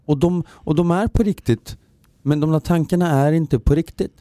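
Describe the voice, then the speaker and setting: A man's voice: a little high, dark tone, dry recording. A man co-hosting a podcast in casual conversation, talking earnestly and reflectively with many restarts. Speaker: podcast co-host.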